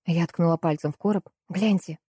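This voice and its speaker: A woman reading a first-person story aloud as an audiobook, in a lively, ironic storytelling manner. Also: on the low side, brisk, dry recording, studio quality. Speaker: audiobook narrator.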